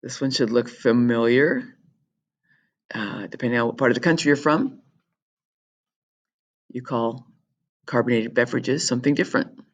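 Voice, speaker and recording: A woman teacher talking through a recorded lesson for her students in a chatty, jokey way, explaining with quick asides. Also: a bass voice, highs cut off.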